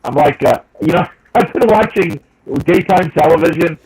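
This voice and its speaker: A man's voice: fairly high pitch, normal speed, darkish tone, slightly rough. Man on a crackly, staticky call. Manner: rambling, jokey asides. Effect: crackly staticky call connection. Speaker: podcast co-host. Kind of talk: casual chat. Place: home, joining remotely by video call. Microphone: earpiece headset on a remote call.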